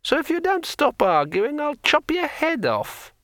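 A man voicing a pushy, chatty male magic sword in a thin, high, ringing voice, drawn out and bossy. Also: wildly swooping pitch, measured pace, a bit bright, no echo, clean studio sound, exaggerated voice. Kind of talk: audiobook character voice.

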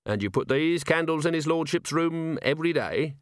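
A man voicing a shrewd male watch commander in an audiobook, dry and gently probing. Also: a little high, lively intonation, moderate pace, no room sound, pitched above the performer's own voice, natural voice. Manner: dry, gently coaxing questions.

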